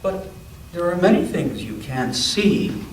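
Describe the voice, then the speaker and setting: A man with a high-pitched voice and big pitch swings reads a picture book aloud at a church story time, frequently pausing to comment and ask the children about the illustrations. It's recorded from afar in a roomy, echoing church with noise in the background.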